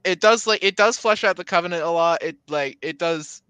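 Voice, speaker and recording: Man, casual book-club talker, meandering delivery, bright tone, slightly higher voice. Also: a little fast, clear, resonant tone, no room sound. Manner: rambling, many fillers and restarts.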